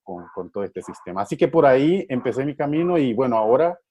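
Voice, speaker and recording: A man's voice: mid-range voice, very animated, quick pace, warm tone, a little hiss or hum. A middle-aged man from Honduras who works with men's groups, talking reflectively with frequent fillers and repeated words. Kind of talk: reflective conversation.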